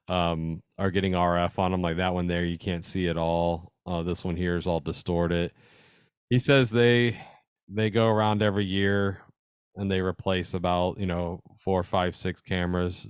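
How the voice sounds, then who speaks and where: A man with a low, smooth voice gives an informal slideshow presentation to a radio club, explaining technical details in a conversational, interested way. The recording is studio quality with no room sound.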